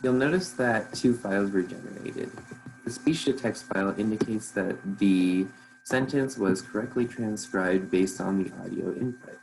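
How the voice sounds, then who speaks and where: Low-voiced man presenting over noisy hum. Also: moderate pace, darkish tone. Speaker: student project presenter. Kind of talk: scripted software demo narration. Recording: clearly noisy, humming background.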